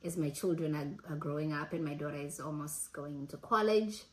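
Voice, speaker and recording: A woman in her late forties talking earnestly and reflectively to her audience, pausing and restarting as she gathers her thoughts. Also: low voice, rough recording. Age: 40s. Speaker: host. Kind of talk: reflective casual talk.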